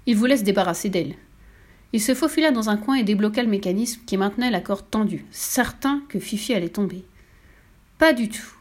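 A woman narrating a children's storybook with a lively, expressive reading. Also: mid-range voice, brisk.

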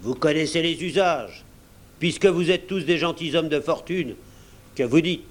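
A man's voice: fairly high pitch, normal speed, voice pushed up, lightly acted. A man voicing an old one-legged pirate cook, cunning and menacing, with blustering, coarse sailor's talk. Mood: thundering.

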